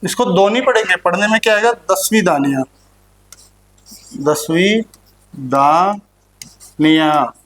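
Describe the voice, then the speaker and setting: A man teaching a playful lesson to students, repeating words slowly and joking with them. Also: high voice, animated, fairly bright tone, slight background noise. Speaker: language teacher. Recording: echoey room.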